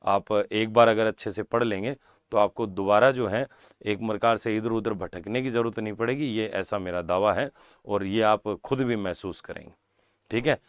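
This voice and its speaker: A man preparing students for computer exams teaches live online, calling them "beta", repeating core terms, and checking that the class is with him. He speaks at a normal speed in a fairly low voice with a clear, resonant tone, and no room sound.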